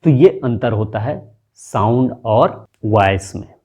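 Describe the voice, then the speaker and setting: A man teaching a spoken lesson, explaining slowly and deliberately and stretching out example words. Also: mid-range voice, animated, warm tone, breathy edge.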